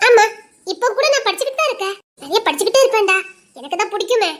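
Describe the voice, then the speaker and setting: A woman with a Tirunelveli Tamil accent voicing a chatty, quick-witted young village woman in a dramatized story. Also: very high-pitched, lively intonation. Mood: teasing. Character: sharp-tongued, studious young village woman.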